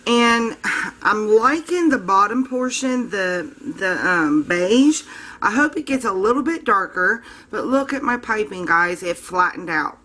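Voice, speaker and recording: A woman's voice: medium pitch, bright, forceful tone. A woman hosting a soap-making channel, chatting casually to viewers while she demonstrates and cuts her soap. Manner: chatty, addresses viewers as guys.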